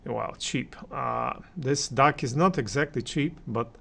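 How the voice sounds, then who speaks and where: Talking through his views on hi-fi gear without a script, this channel host and audio reviewer has a gravelly, creaky voice in a middle male range with a fairly bright tone. His delivery is slow and hesitant, broken by frequent pauses as he thinks each point through.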